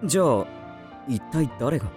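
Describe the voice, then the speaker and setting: A woman voicing a gruff young male demon. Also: a bass voice, lively intonation, moderate pace, music in the background. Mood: guarded. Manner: blunt, rough-spoken. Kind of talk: voice drama acting.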